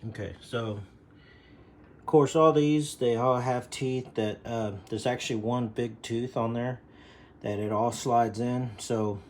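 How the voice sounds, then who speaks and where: A man's voice: medium pitch, steady tone, takes it slowly, a little hiss or hum. Rambling man fixing a bike. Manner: rambling, full of fillers. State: breathing hard from leaning over. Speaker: bike mechanic demonstrating a repair. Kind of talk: casual how-to video.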